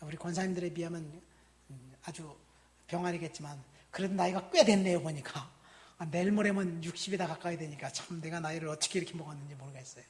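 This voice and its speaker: A woman in her fifties from Busan, a pastor preaching a sermon, stressing words loudly and then dropping to quiet asides while asking the congregation questions. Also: on the low side, steady tone, fast. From Busan, South Korea. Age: 50s. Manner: addresses the congregation directly with questions.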